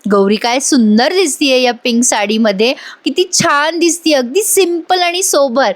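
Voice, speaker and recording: A woman retells a TV episode in a chatty voice-over, speaking directly to her viewers. Her voice is high. She talks in a conversational, storytelling way. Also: moderate pace. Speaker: TV show reviewer.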